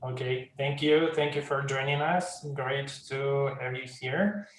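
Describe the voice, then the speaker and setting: Slow, echoey male workshop host. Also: medium pitch, fairly even intonation, a little hiss or hum. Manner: polite, slow, apologetic about names. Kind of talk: moderating introductions on a video call. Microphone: video call.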